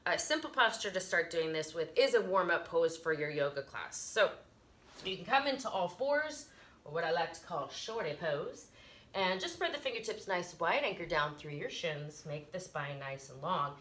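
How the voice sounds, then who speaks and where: A middle-aged woman giving casual yoga instruction as a teacher, explaining informally with soft emphasis and little pauses, recorded in a living room by a camera a few feet away. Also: on the low side, lively intonation. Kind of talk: casual instructional talk, guided breathing demonstration. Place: carpeted living room, indoors.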